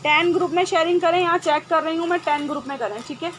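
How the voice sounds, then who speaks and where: Brisk high-voiced woman running a live sale. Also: a little hiss or hum. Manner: brisk, repetitive, checks with "okay?" often. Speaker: online seller hosting a live sale. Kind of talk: live-stream sales chat. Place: home room with generator noise.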